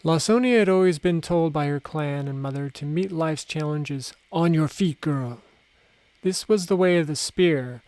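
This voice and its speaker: Male audiobook narrator, measured and unhurried, slightly high voice, dry close recording. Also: darkish tone, dry recording.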